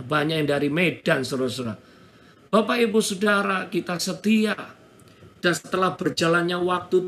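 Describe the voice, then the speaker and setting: A middle-aged Indonesian man, a pastor, preaches a sermon in a high, slightly bright voice. He tells a personal testimony with emotion, acting out dialogue and turning to the congregation again and again.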